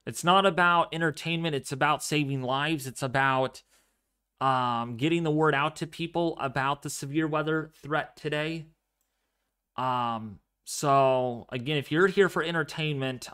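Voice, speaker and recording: With a voice on the high side, a male host of a live severe weather stream chats with viewers and provides commentary. He speaks calmly and quietly but clearly, in a fairly monotone way.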